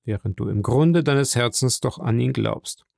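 A man voicing a stern, solemn nobleman who speaks slowly and gravely. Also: medium pitch, a little mellow, no room sound, studio quality. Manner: slow, grave, measured.

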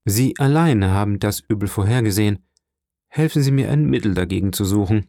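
A man voicing an indignant aging French king in an audiobook reading, asking sharp, imperious questions. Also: lowish voice, a little fast, dry recording, clean studio sound, lightly acted. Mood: commanding.

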